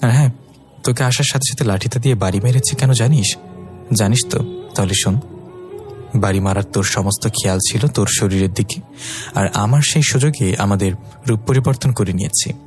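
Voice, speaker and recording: A man voicing a proud, stern fairy king who is a father, speaking in a commanding, gruff way. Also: lowish voice, brisk, long pauses, a little mellow, soft background music, close to an everyday voice.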